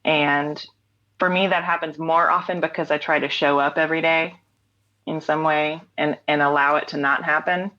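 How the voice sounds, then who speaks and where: In her reflective interview, the late-thirties singer-songwriter keeps a steady, forceful tone at a moderate pace, her voice deep and low. She laughs readily and uses "um" and "like" a lot while thoughtfully discussing her creative habits, over bright but dull, lo-fi audio like a remote call.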